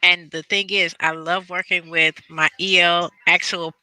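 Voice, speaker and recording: A man's voice: high voice, unhurried, clear, resonant tone, dry recording, poor audio. A man who works in special education, speaking emphatically on a conference panel about classroom tools. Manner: animated, emphatic, laughs.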